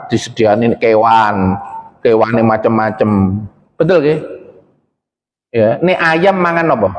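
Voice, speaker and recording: A man with an East Javanese accent preaching in a mosque, talking conversationally and addressing the congregation directly with frequent questions. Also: medium pitch. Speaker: Islamic preacher. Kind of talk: mosque sermon. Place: mosque hall. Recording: long hall reverb.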